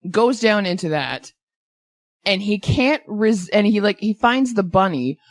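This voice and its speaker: A woman's voice: medium pitch, lively intonation, measured pace, no echo. A woman co-hosting a casual movie podcast, blunt and sarcastic, swearing freely as she picks apart a film. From Canada. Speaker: podcast co-host.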